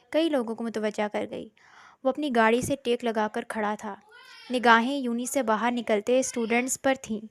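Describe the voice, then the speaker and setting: A woman narrating a romantic storybook in a steady, dramatic reading voice. Her pitch sits a little high. The sound is dry and close, with no room echo.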